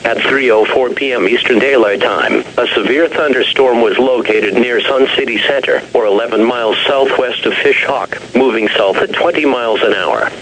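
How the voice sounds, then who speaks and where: A synthetic man's voice reading emergency alert weather bulletins in a measured, formal, impersonal way. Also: medium pitch, crowd noise. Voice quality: synthetic text-to-speech voice. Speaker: automated weather radio announcer. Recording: noisy weather radio broadcast.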